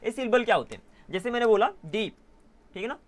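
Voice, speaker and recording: A young man teaching an online English class in a casual way, often pausing to correct himself. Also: high-pitched, lively intonation. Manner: casual, self-correcting, mixes Hindi and English.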